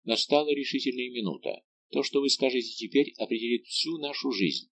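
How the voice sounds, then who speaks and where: A man's voice: medium pitch, brisk, lightly acted. A man reading an audiobook, voicing a young noblewoman who pleads with her royal lover in a passionate, pleading way. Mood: desperate.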